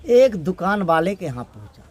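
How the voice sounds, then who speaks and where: A man narrating a folk tale aloud, with repetitive, drawn-out phrasing. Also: high voice, big pitch swings, darkish tone. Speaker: storyteller.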